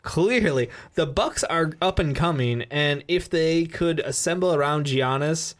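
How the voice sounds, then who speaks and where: A man's voice: fairly high pitch, measured pace. A man co-hosting a sports podcast, talking in a casual, bantering way. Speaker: podcast co-host.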